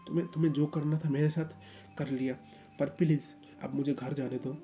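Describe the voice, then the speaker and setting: A man's voice: a little high, fairly even intonation, brisk, dark tone, soft background music, natural voice. A man voicing a tearful young man who stammers as he begs to go home. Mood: pleading. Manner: sobbing, stammering.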